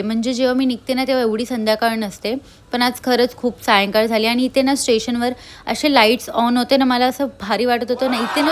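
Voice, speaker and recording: A young woman narrates her day in a casual vlog voice-over. She talks in a chatty, easygoing way with lots of little tag words, and her voice sits a bit high. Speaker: vlogger.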